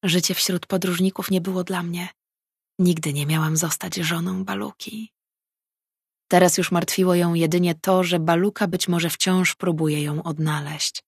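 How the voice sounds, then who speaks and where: A woman reading a novel aloud as an audiobook narrator, in calm, even storytelling. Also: lowish voice, measured pace, slightly rough, no room sound, clean studio sound. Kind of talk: scripted narration.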